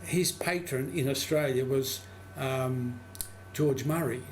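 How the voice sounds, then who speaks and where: A man's voice: mid-range voice, slow, slight background noise. A man explaining historical detail in a lecturing conversational way. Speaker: guest researcher.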